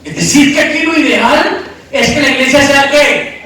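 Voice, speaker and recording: A pastor preaching emphatically, asking the congregation questions and breaking into shouts, recorded from a distance in an echoey church hall. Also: male voice, very high-pitched, moderate pace, a little hiss or hum. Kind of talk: sermon.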